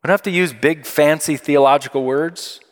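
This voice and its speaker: Male preacher, slightly high voice, conversational and emphatic, big hall echo. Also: normal speed. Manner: conversational, emphatic, repeats key phrases. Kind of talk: sermon. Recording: long hall reverb.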